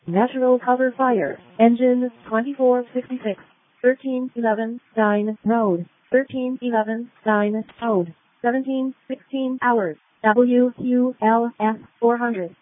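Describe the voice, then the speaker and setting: A woman fire dispatcher reading out calls and addresses over a police and fire scanner radio, measured, saying each address twice. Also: a little high, steady tone. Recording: narrow radio band, very dry.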